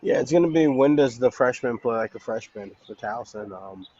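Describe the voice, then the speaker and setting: A man's voice: mid-range voice, expressive, normal speed, mellow, highs cut off. A man co-hosting a sports talk show who states firm, argumentative opinions. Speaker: co-host.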